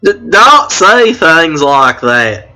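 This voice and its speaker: A man puts on a timid, mature schoolgirl from a visual novel game. She stumbles through hesitant, broken phrases in a bright voice. Her pace is unhurried. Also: a little high, very animated, soft background music, full character voice, rough recording. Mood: flustered. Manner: hesitant, stammering.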